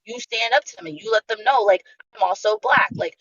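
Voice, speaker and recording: A woman's voice: mid-range voice, brisk, no echo. Emphatic woman on a muffled stream. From Bangladesh. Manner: animated, emphatic storytelling. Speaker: livestream guest. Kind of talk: casual chat. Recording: dull lo-fi stream audio.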